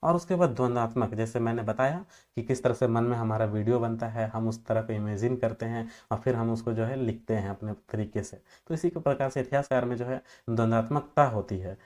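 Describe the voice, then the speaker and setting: A man's voice: mid-range voice, brisk, few pauses, darkish tone. A male teacher explaining exam material in an easygoing, talky manner. He fills his sentences with filler phrases and reaches for everyday examples to make points land. Now and then he trips over a technical term and corrects himself. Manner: loose conversational explaining with homely examples; filler-heavy, repeats "जो है" often. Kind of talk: exam-prep lecture.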